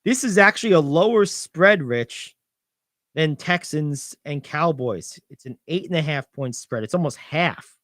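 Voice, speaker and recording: A young man co-hosting a sports radio show, animated and confident as he talks through football picks, piling on "I think". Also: on the high side, unhurried, no room sound, clean studio sound. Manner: animated, gets louder when excited, many "I think"s. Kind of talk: sports betting talk.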